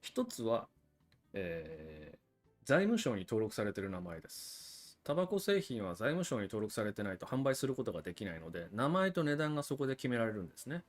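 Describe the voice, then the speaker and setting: A man's voice: fairly low pitch, big pitch swings, brisk, faint music behind. A man hosting a livestream about cigars, explaining things in a chatty, casual way with frequent asides to viewers. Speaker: cigar channel host.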